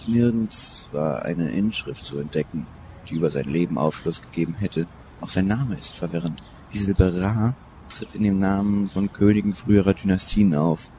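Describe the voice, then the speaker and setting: A man's voice: low voice, mellow, slight background noise, natural voice. An actor playing a stern, authoritative older male Egyptologist professor in a radio play. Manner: authoritative, lecturing.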